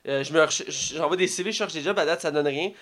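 A man's voice: a little high, fast, a bit bright. A young man with a Québécois French accent, co-hosting a casual film podcast, joking and rambling with lots of fillers. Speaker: podcast co-host. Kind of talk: casual chat.

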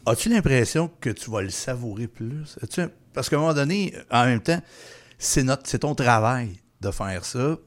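Casting note: male radio host, relaxed, asks long rambling questions. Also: medium pitch, normal speed. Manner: conversational, long winding questions. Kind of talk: casual radio interview.

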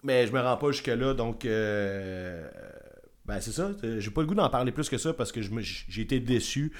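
A man with a Quebec French accent chats casually about records, rambling and enthusiastic and swearing freely. His voice sits at an ordinary middle pitch. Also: normal speed. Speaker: podcast host. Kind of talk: casual music review chat.

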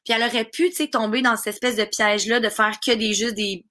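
A woman's voice: fairly high pitch, steady tone, fast, sharp tone. A woman with a Québécois accent, a dubbing actress chatting casually as a guest and laughing often. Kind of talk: casual interview chat.

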